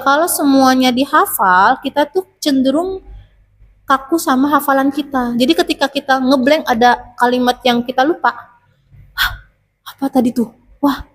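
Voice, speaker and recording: A woman teacher, chatting to students about public speaking and asking many rhetorical questions. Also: high-pitched. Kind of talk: casual advice to students.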